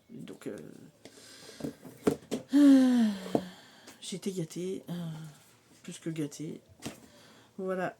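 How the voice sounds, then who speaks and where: A woman's voice: fairly low pitch, vocal fry, dark tone, a little hiss or hum. A woman in her thirties chatting casually in a home vlog, rambling with many fillers and sometimes dropping to a whisper. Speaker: vlogger. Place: mobile home on a hot day.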